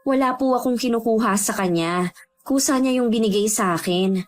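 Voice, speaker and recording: A woman's voice: on the high side, normal speed, natural voice. A woman playing an evasive, greedy elder sister. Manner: evasive, sulky denials.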